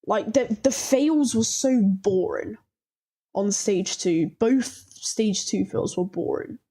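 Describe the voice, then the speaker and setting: A woman giving casual reaction commentary at an unhurried, drawn-out pace. She talks in slang and stops and restarts while she thinks aloud and hands out scores. Her pitch sits in an ordinary middle range. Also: dark tone, breathy edge. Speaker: reaction video host.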